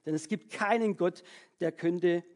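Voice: medium pitch, unhurried, darkish tone, close to an everyday voice. A preacher reading out a proclaiming ancient king.

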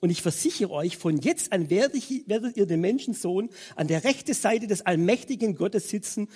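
A man voicing a calm male spiritual teacher who speaks quietly, slowly and solemnly. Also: high-pitched, slightly rough.

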